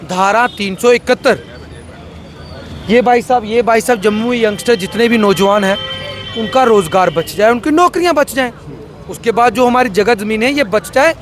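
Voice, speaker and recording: A man's voice: very high-pitched, fairly bright tone, a little hiss or hum. A man, a social activist, speaking with fiery, rhetorical passion in a political interview, repeating phrases for emphasis. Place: outdoors by a road.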